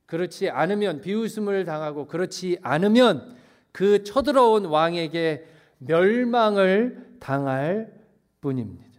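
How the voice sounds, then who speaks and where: A man's voice: high voice, expressive, unhurried. Emphatic man preaching a sermon. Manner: emphatic, swings from loud to hushed, mixes in English phrases. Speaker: pastor.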